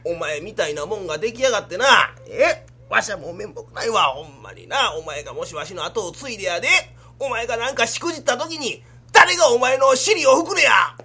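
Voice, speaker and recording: A man's voice: high voice, lively intonation, fairly quick, sharp tone, breathy edge, heavily acted. A man voicing a fretful older merchant father with a Kansai accent, scolding his son in rakugo storytelling. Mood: exasperated. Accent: Kansai Japanese. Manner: scolding, exasperated.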